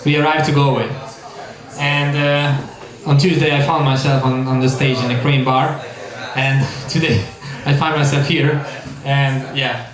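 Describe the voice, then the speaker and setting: A Hungarian-accented man, a native Hungarian speaker, introducing his songs from a live stage in hesitant English full of restarts. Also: mid-range voice. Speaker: singer-songwriter performing live. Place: live music venue stage. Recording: echoey live room with loud guitar.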